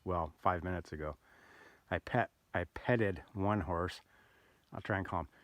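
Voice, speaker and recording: An older man telling a rambling, easygoing story outdoors on a remote mountain road, with many pauses and "uh"s. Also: low-pitched, very noisy. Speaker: bikepacker vlogger. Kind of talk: casual outdoor vlog narration.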